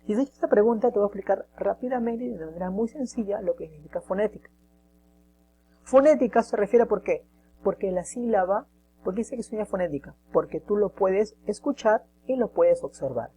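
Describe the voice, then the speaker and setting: Mellow-voiced man explaining a lesson. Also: sits high, a little fast, slight background noise. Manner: explains step by step, keeps checking in with the listener. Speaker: teacher. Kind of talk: casual spoken lesson.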